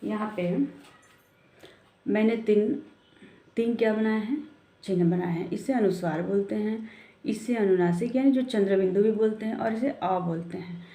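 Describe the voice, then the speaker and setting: A woman's voice: mid-range voice, moderate pace, pauses often, mellow. A woman school teacher explaining a textbook lesson patiently, step by step, asking her class questions and mixing in English words. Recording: echoey room.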